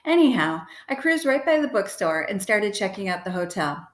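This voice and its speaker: A woman's voice: medium pitch, normal speed, echoey room. A woman reading the first chapter of a children's novel aloud, giving short voices to the characters. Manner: lively storytelling with brief voices for characters. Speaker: reader.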